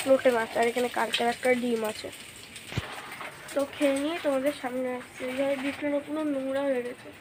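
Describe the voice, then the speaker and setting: A young woman with a hoarse voice and a stuffy nose from a cold, chatting casually to her vlog camera as she shows her meal and home. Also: sits high, steady tone, fast, background noise. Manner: chatty, showing things to camera. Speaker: vlogger.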